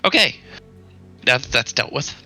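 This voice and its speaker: A man running a tabletop game as game master, talking haltingly with many restarts. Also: mid-range voice, very animated, pushed and bright, faint music behind. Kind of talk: narrating a tabletop game over voice chat.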